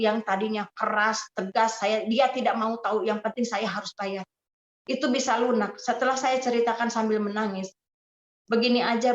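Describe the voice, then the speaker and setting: A woman giving an emotional personal testimony, telling her story in an animated way, acting out the quoted voices and speaking straight to her listeners. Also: a little high. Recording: echoey, dull lo-fi recording.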